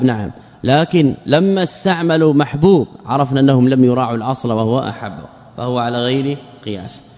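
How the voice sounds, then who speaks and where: A man teaching a religious studies class in a measured lecture, repeating key words and putting rhetorical questions to his students. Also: medium pitch, darkish tone. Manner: measured, drawn-out explanation. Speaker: Islamic scholar teaching a class. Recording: long reverb of a large hall.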